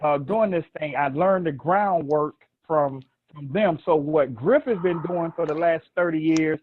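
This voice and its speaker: A man's voice: a little high, a little slow, a little hiss or hum. A man with a Southern US accent hosting a live online talk show over a video call, chatty and rambling, laughing often. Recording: dry, tinny phone-like call audio.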